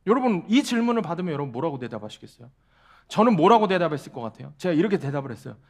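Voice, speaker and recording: A man's voice: on the high side, big pitch swings, very fast. A male pastor giving a sermon to young adults, asking the congregation repeated questions and telling a humorous personal story. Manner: tells a humorous personal story with quoted dialogue.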